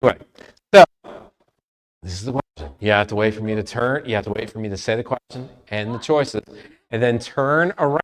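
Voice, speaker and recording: A man leading a trivia game for a church youth group, talking playfully and sometimes loud. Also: lowish voice, brisk. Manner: playful, lively, loud at times.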